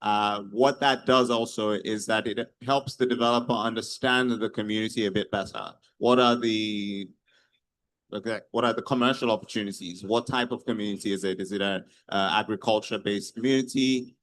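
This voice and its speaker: A man's voice: lowish voice, fairly even intonation, moderate pace, a bit bright, dry recording. A man with a Nigerian Yoruba accent giving a considered answer as a panelist in a discussion.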